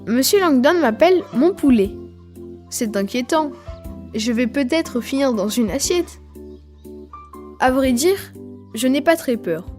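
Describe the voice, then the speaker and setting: A woman's voice: high voice, animated, measured pace, pauses often, a little mellow, faint music behind. A woman reading a children's story aloud for language learners, telling it expressively in the voice of a twelve-year-old boy. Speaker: reader.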